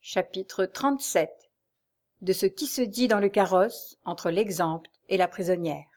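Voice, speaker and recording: Une femme qui lit à voix posée un roman-feuilleton en livre audio. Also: female voice, mid-range voice, darkish tone. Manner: measured, literary storytelling. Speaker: narrator. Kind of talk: audiobook reading of a serial novel.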